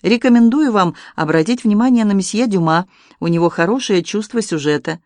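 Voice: mid-range voice, expressive, a little fast, darkish tone, no echo, pitched above the performer's own voice, natural voice. An audiobook reader voicing a shrewd, wry male detective who speaks with dry irony, in a dry close recording. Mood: admiring.

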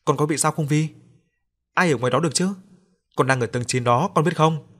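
A man's voice: fairly high pitch, brisk, fairly bright tone. A man reading the part of a middle-aged mother, worried and tearful over her daughter. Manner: distraught, crying out.

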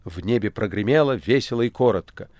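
Male audiobook narrator, expressive, fairly low voice, dry close sound. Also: fairly quick, dry recording. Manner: dramatic, expressive. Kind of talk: literary audiobook reading.

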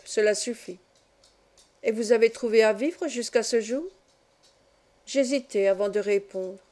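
A woman narrates an audiobook in a calm, measured way, her voice mellow and soft. It sits a little high for a woman, and she gives the dialogue gentle touches without leaving her own voice. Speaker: audiobook reader. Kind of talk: scripted narration of a classic novel.

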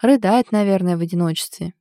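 A woman's voice: on the low side, quick pace, dark tone, no echo, close to an everyday voice. A woman reading the lines of a fond, ironic husband in an audiobook. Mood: wry fond. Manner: dry, ironic, affectionate. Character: teasing husband, a man, fond and wry.

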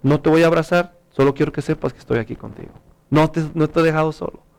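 A man playing a patient father who quietly reassures his frightened son. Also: on the high side, quick pace, gravelly, clear, resonant tone. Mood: gentle, calm. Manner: soft, hushed, reassuring.

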